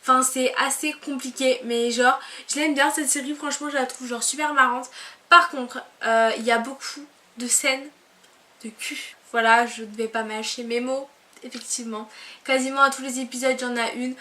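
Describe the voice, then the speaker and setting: Young woman vlogger, bright tone, chatty and filler-heavy, laid-back bedroom talk. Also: high-pitched, steady tone, moderate pace. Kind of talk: casual chat to camera. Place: bedroom, on her bed.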